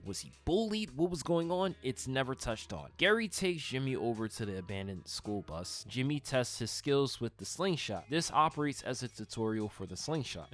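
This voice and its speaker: A man's voice: mid-range voice, fairly bright tone. A man narrating a video game review in an informal, explanatory way. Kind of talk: scripted narration.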